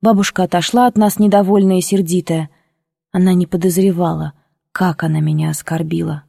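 A woman narrating a first-person audiobook in a measured, emotional storytelling manner. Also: on the low side, steady tone, gravelly, mellow, no echo, studio quality. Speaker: audiobook reader.

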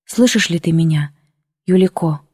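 A woman's voice: fairly low pitch, normal speed, a little mellow, slightly rough, no echo, clean studio sound. A woman voicing a proud, hurt young girl who speaks earnestly and tearfully.

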